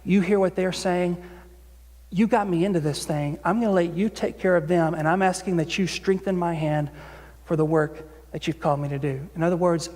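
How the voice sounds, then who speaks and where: High-voiced man preaching in a reverberant church. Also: darkish tone. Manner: conversational preaching with repeated restarts. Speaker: senior pastor. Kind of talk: sermon. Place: church sanctuary.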